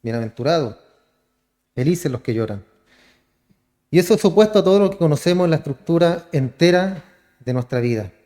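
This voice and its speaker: Chilean pastor preaching a sermon. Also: male voice, on the high side, lively intonation, brisk, pauses often, dark tone. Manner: calls the congregation brother, asks rhetorical questions.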